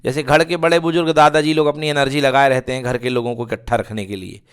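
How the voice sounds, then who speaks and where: A man's voice: medium pitch, steady tone, quick pace, fairly bright tone, clean tone. A male physics teacher lecturing to students, repeatedly asking questions and answering them himself. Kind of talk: classroom lecture.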